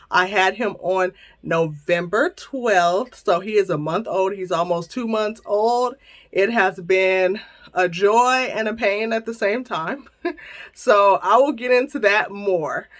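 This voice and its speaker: A woman in her thirties hosting her own vlog, chatting casually and playfully with viewers. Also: medium pitch. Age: 30s. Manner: lively, chatty, playful storytelling. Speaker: channel host.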